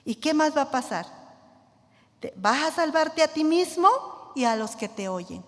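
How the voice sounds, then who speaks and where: A woman's voice: sits high, expressive, unhurried. A middle-aged woman sharing an earnest devotional testimony and prayer in church, speaking to her fellow believers. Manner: earnest, addresses listeners as brothers and sisters. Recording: long hall reverb.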